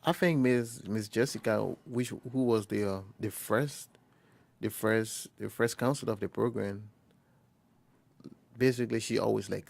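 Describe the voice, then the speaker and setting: A young man from Liberia, a first-year college student, telling his story in an interview in a halting way, often restarting and quoting conversations. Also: on the low side, creaky, a little mellow, dry recording. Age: young adult. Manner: halting, with frequent restarts and quoted dialogue. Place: quiet recording booth.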